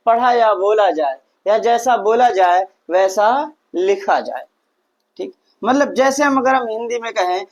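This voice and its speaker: A man teaching English grammar in Hindi. He repeats phrases, asks rhetorical questions and dictates definitions word by word. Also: extremely high pitch. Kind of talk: Hindi classroom-style lesson, slow and repetitive.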